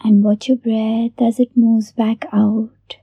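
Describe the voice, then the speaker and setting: A woman hosting a guided meditation in a soft, breathy near-whisper, gently giving unhurried instructions with long pauses. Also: fairly high pitch, little pitch movement, dry recording, highs cut off. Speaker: meditation host.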